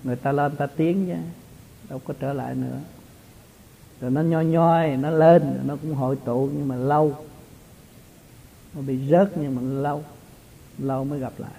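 A man's voice: a little high, fairly even intonation, normal speed, gravelly, pauses often, mellow, slight background noise. A man, a spiritual teacher giving an informal, chatty talk to his followers and chuckling often. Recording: tinny lo-fi recording.

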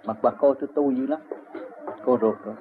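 In a tinny, phone-like recording with faint noise, an older Southern Vietnamese-accented man talks fairly quickly in a medium-pitched, fairly even voice. He rambles through long personal stories for an interview, chuckling often along the way.

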